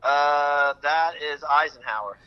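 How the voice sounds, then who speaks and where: A man's voice: fairly high pitch, takes it slowly, clear, resonant tone. A man calling in on a buzzy, glitchy phone line, guessing hesitantly through a quiz and swearing mildly. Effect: buzzy, glitchy phone call audio. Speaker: caller playing a phone quiz. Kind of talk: casual on-air phone chat.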